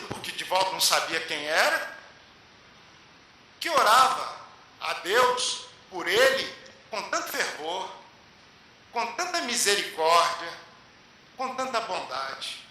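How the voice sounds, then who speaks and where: Man, spiritual lecturer, high lively voice, measured emphatic pauses, big echoing hall. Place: lecture hall at a public meeting. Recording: echoey hall with faint hiss.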